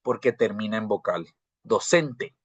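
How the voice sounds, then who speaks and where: A man's voice: fairly low pitch, animated, unhurried, dry recording. Man teaching over a video call. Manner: asks rhetorical questions and checks in with "¿cierto?"; repeats and restarts words while explaining. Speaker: university teacher. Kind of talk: live online grammar lecture. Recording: dry, slightly dull video call audio.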